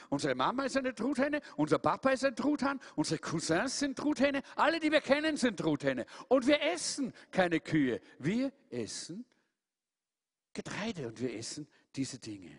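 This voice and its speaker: A man's voice: very high voice, big pitch swings, normal speed, slightly rough, pitched above the performer's own voice, heavily acted. A man voicing a stubborn male turkey who lectures insistently and keeps reciting the same list.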